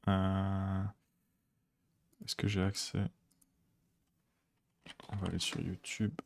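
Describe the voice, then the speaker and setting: A man chatting casually with his viewers while he codes on a live stream, rambling with many fillers and quick chuckles. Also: sits low, level tone, creaky.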